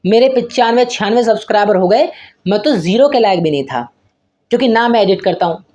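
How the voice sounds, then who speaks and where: A man's voice: sits high, animated, a little fast, a little mellow. A man giving casual career advice to his viewers in a raw, unedited video, joking, slangy, and calling them brother. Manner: self-deprecating, rambling with restarts. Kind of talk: casual motivational talk to camera.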